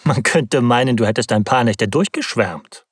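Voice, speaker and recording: A man voicing a worried young male friend who gently scolds and frets over a pale, exhausted companion. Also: medium pitch, lively intonation, normal speed, slightly rough, no echo, studio quality. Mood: concerned.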